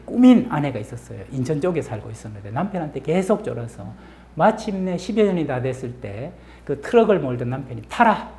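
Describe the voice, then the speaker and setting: Middle-aged man telling stories. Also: mid-range voice. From Gyeongsang region, Korea. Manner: animated, acts out quoted lines, asks rhetorical questions. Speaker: professor and counselor guest. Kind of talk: storytelling lecture to camera.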